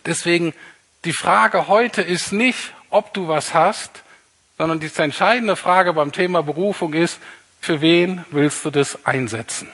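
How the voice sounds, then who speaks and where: Man, pastor, sermon, husky, slightly high voice, conversational. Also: unhurried, a bit bright. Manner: conversational, repeats key points for emphasis.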